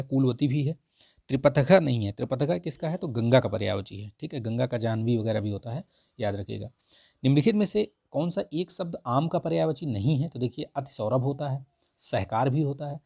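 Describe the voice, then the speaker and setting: A man with a medium-pitched, dark voice and some vocal fry, recorded dry, goes through the answers to a Hindi vocabulary practice test. Like a teacher, he repeats the correct forms and frequently drops in "ठीक है" between points.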